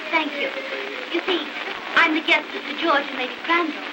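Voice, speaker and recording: A woman's voice: high-pitched, moderate pace, heavy background noise. An actress in an early talkie film playing a composed young woman traveler who speaks politely and with reserve. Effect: early talkie film sound.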